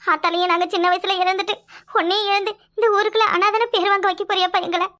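A stern young village woman with a southern Tamil accent in a cartoon. Her voice is very high and bright, and she talks rapidly and curtly. She is dutiful and scolds easily. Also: fairly even intonation. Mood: pleading. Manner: curt, sharp-tongued, scolding. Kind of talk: cartoon voice acting.

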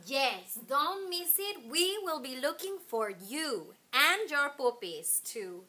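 A woman's voice: sits high, sing-song, takes it slowly, pushed and bright, full character voice. A young woman playing a gushing, flamboyant infomercial saleswoman, giving an exaggerated hard sell with words mixed in. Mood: excitable sales pitch. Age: young adult. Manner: gushing, exaggerated, drawn out, mixing in Spanish words. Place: classroom with whiteboard.

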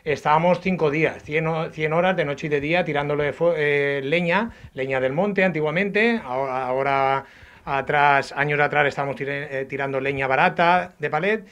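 Speaking into a handheld reporter's mic inside an old pottery workshop with a brick kiln, a male potter from Agost, Alicante, answers interview questions. His pitch is fairly high and a bit bright, his southeastern Spanish accent clear even through a face mask that slightly muffles him. He explains casually and haltingly, repeating words and tacking on tag questions.

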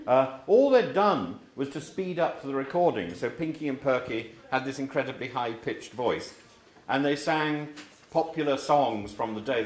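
Older English male teacher, rambling and animated, echoey classroom. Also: mid-range voice. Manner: rambling, with many ums and restarts. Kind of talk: informal classroom talk. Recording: echoey room, faint hiss.

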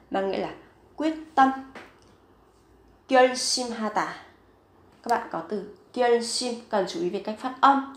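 High-voiced woman teaching vocabulary. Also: reverberant. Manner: repeats each word slowly and clearly. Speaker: Korean language teacher. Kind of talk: vocabulary lesson.

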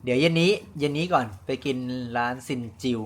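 A man's voice: medium pitch, brisk, slight background noise. A man hosting a food vlog, chatting and thinking aloud as he tastes dishes. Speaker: vlog host. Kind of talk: casual food vlog commentary. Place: busy old-style cafe and city street. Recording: crowd chatter behind.

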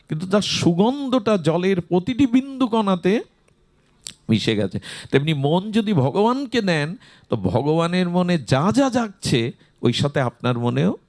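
A man giving a devotional Bhagavata discourse, telling stories and asking rhetorical questions, dropping low and then rising into exclamations. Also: darkish tone. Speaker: Bhagavata reciter.

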